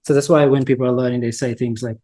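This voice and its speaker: This mellow-voiced Brazilian man, a native Brazilian Portuguese speaker, talks at a quick pace in a mid-range voice with fairly even intonation. A software entrepreneur being casually interviewed, he's thoughtful, searching for words and restarting often.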